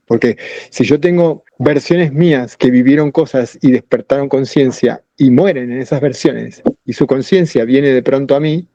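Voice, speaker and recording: Warm-voiced Rioplatense man, rambling. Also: medium pitch, no echo, muffled recording. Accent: Rioplatense Spanish. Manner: rambling, speculative, many restarts. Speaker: podcast co-host. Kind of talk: casual podcast talk.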